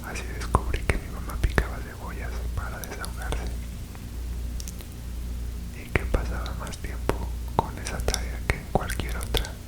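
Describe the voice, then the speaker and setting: A woman reading a story aloud in a soft, breathy whisper, slow and hushed, in a soothing ASMR style for sleep. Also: poor audio. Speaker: ASMR reader.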